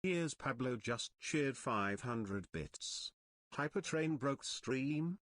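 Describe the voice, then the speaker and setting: A synthetic man's voice reading out stream alerts in a flat text-to-speech manner. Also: medium pitch, takes it slowly.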